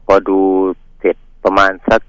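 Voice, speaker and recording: A man from northeast Thailand telling the host a ghost story from his village in a halting, polite way, pausing and repeating words. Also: a bit bright, dry recording, poor audio. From Northeast Thailand, Mekong riverside. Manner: polite, addresses host as older brother. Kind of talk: casual spoken storytelling.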